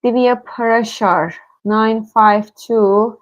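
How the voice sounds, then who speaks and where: Through dry, muffled audio, a woman from Turkey with a voice on the high side hosts a live tarot stream. She chats slowly and casually with viewers, letting out soft laughs.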